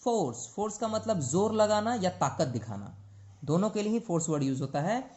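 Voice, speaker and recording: A man's voice: sits high, very animated, normal speed, a little mellow, reverberant. A male teacher giving a classroom lesson on vocabulary, patiently repeating words and spelling them letter by letter, switching between Hindi and English.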